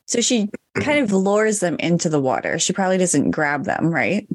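A woman co-hosting a podcast in casual chat, reacting quickly and often agreeing. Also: lowish voice, very animated, no echo. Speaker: podcast co-host.

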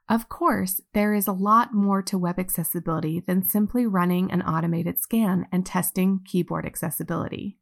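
Low gravelly woman reading a script. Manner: measured, informative read. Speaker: company narrator. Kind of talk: scripted narration.

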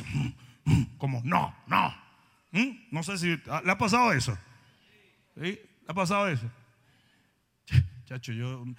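Animated preacher in a reverberant hall. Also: male voice, fairly high pitch. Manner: animated storytelling, shouting at peaks. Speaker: pastor. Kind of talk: sermon.

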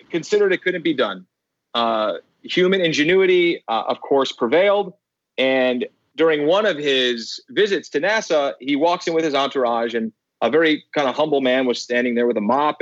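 A man's voice: medium pitch, no room sound, highs cut off. A man speaking as a podcast guest, telling stories with emphatic repeated phrases. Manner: emphatic, repeats words for effect. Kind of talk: animated storytelling.

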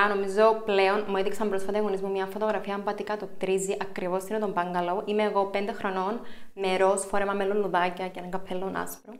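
A woman with a Cypriot Greek accent giving conversational interview answers, switching into English phrases as she goes. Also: mid-range voice. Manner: mixes English phrases into speech. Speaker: interview guest, company founder.

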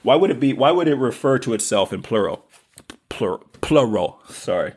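A man's voice: mid-range voice, animated, quick pace, slightly rough. A man with a Southern US accent hosting a spiritual podcast, talking in a loose, rambling way, often hunting for words and repeating himself. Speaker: podcast host.

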